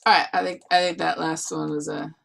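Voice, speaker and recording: A woman songwriter recording her own vocals, talking softly and directing herself between takes. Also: sits low, level tone, creaky, a little hiss or hum. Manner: soft-spoken, unhurried, self-directing. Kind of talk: casual studio work talk.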